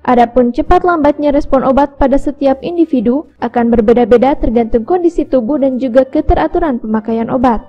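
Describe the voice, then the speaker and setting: A woman reading a scripted product advertisement in an even, upbeat sales voice, slowing down to read out numbers. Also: high-pitched, dull audio, faint music behind. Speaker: ad narrator.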